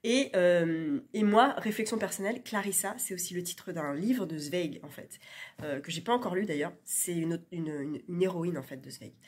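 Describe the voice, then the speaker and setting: This reading vlogger speaks at a moderate pace in a husky voice on the low side, casually and with many fillers and restarts. The phone she records with rests on a stand, and the light is dim.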